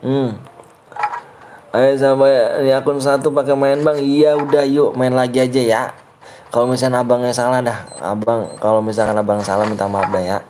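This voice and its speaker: A young man hosts a live game stream, talking casually at a middle pitch. He argues with his viewers and teases them, laughing often. Faint background noise sits under his voice. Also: level tone, normal speed, a little mellow. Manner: argumentative and teasing, often laughing. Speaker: live streamer hosting custom game rooms.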